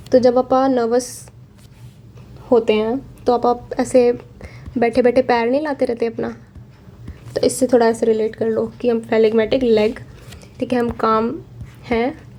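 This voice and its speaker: An Indian woman in her young adult years gives a vocabulary lesson at a steady, patient pace. Her voice sits fairly high and stays flat and even in tone, warm rather than bright. Faint background noise runs under the recording. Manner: explains each word slowly and repeats "ठीक है". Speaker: vocabulary teacher. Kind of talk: exam-prep vocabulary lesson.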